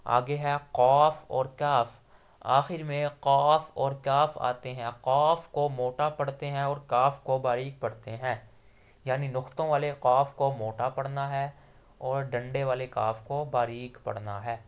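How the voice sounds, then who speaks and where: A Quran recitation teacher with a Pakistani Urdu accent patiently gives a slow lesson, explaining letter sounds step by step and drawing out example letters. His mid-range voice has fairly even intonation and a clean tone.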